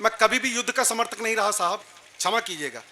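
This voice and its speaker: A man from Haryana declaims verse on a poetry-gathering stage in a very high, piercingly bright voice. He is impassioned and rousing, repeating his lines and pushing the audience to respond. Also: animated, quick pace. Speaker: poet.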